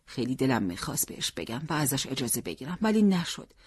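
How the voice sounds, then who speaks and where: A calm, determined teenage boy in a storybook, speaking gently and earnestly with a lively rise and fall, as the audiobook reader puts him on. The voice is slightly breathy and recorded close and dry. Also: mid-range voice, dry recording.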